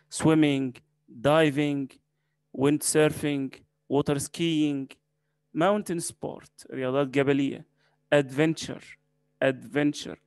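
A man with an Egyptian Arabic accent teaching an English vocabulary lesson, saying each word slowly and repeating it several times. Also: a little high, a little mellow, dry recording.

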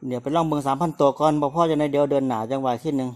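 A man's voice: on the high side, steady tone, rapid-fire, darkish tone. A man with a northeastern Thai Isan accent selling his farm stock in a casual live chat, repeating prices and replies for viewers. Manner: repeats prices and the other speaker's words for viewers.

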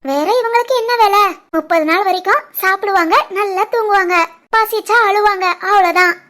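A woman plays a playful young aunt in a cartoon family story, her voice pitched extremely high and thin. She teases and jokes in a Tirunelveli Tamil accent. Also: fairly quick, bright, forceful tone. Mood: teasing. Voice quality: playful, teasing. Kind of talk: animated family story voice acting.

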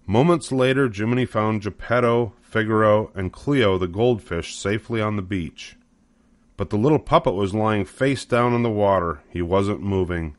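An older man narrates a children's story with scripted, storybook phrasing at a normal pace. His fairly low voice is captured close and dry, with no room sound.

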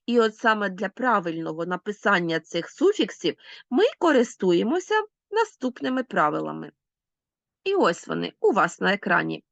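A woman teacher talks her pupils through a recorded lesson, stretching out example words so every sound is heard. Her pitch moves a lot, up and down, and her voice is captured dry, with no room sound. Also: sing-song, a bit bright, no echo, lo-fi sound. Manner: clear, deliberate enunciation, slowing to spell out sounds. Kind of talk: recorded language lesson for schoolchildren.

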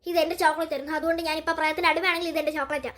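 A woman's voice: sits high, fairly even intonation, very fast, very noisy, pitched below the performer's own voice, natural voice. A young woman voicing a taunting possessed older brother who snatches chocolate. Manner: taunting, greedy.

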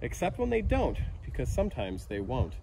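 Animated man reading a rhyming storybook. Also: mid-range voice, moderate pace, creaky. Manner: expressive, theatrical storytelling with dramatic emphasis. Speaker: outdoor education naturalist reading a children's book aloud. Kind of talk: rhyming picture book read-aloud. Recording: outdoor recording with background ambience noise.

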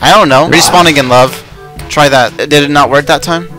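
A man hosting and chatting excitedly while recording a game with friends. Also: fairly high pitch, soft background music. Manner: excitable, quick bursts of shouting. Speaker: channel host.

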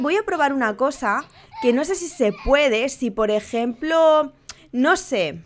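A young woman speaking talks her audience through her game. She gushes and exclaims at every little detail, in a bright, high-pitched voice. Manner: excitable, gushing exclamations. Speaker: gaming youtuber. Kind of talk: casual gameplay commentary.

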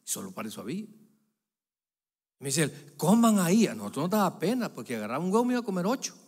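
A man preaching in a church, his somewhat high voice ringing out in the long echo of the sanctuary. He builds to loud, emphatic declarations, then drops to quiet, chatty asides to the congregation. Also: big pitch swings, rapid-fire, slightly rough. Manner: emphatic preaching, swelling loud on key phrases and dropping low for asides. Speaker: pastor. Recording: long reverb of a church hall.

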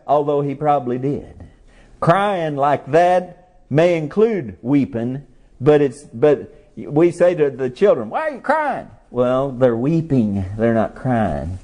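A middle-aged man preaching a folksy sermon in plain-spoken rural phrasing, now and then rising to loud cries on key words. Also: mid-range voice.

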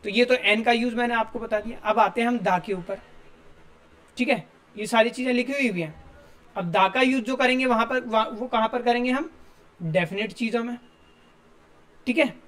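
A man's voice: very high voice, normal speed, pauses often, fairly bright tone. A male teacher, giving a classroom grammar lesson and explaining step by step while asking his students questions.

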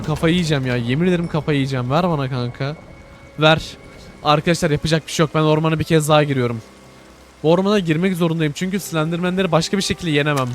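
A young man giving scared, jumpy commentary while playing a game, talking to his viewers. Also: on the high side. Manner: jumpy, scared, addresses viewers, frequent exclamations. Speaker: gaming YouTuber. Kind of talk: live gameplay commentary.

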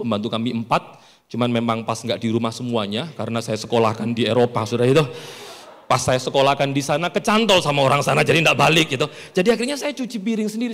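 A man's voice: mid-range voice, fairly bright tone. A middle-aged man, preaching a sermon and telling jokey stories to his congregation. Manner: storytelling, joking, playful with the congregation. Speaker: pastor. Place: church hall. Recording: reverberant church hall.

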